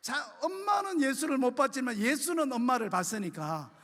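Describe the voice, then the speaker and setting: A man's voice: very high voice, moderate pace, in a large hall. A male pastor, telling a story in a sermon and acting out the dialogue. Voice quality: animated storytelling with acted dialogue. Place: church.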